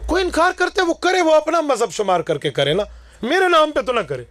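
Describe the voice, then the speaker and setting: A man preaching a fiery sermon to a gathering, declaiming forcefully and acting out both sides of his own stories. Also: very high voice, very animated. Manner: forceful, declaiming, acts out dialogues. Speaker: Islamic preacher.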